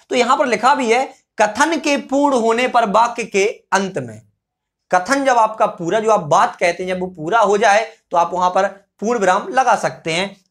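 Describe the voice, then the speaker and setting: A man's voice: high voice, fairly bright tone. Man teaching, asking and answering himself. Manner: asks rhetorical questions and answers them himself; repeats example sentences slowly. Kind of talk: explanatory grammar lesson.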